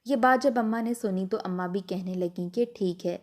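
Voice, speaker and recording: Woman narrating a sad family story, soft and even, middle pitch. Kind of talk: first-person story narration.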